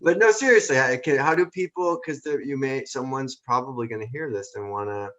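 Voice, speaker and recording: A man's voice: mid-range voice, brisk, fairly bright tone. Joking male host on a dull call line. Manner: enthusiastic, joking. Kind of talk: casual interview chat.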